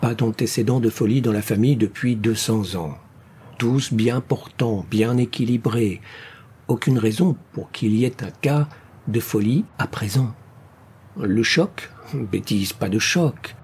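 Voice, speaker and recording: A man voicing a stranded astronaut who swings between panic and forcing himself to reason calmly. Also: mid-range voice, a little slow, a little hiss or hum, natural voice. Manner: frantic, then forcing himself calm.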